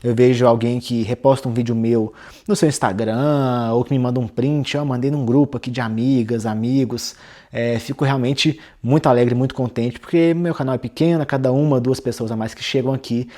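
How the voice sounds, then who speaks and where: A man's voice: mid-range voice, fairly even intonation, a little fast, a little mellow. A young Brazilian man hosting a literature channel, talking through a novel in a casual, conversational way and often tagging his sentences with little check-ins. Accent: Brazilian Portuguese. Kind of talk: casual book-reading lesson.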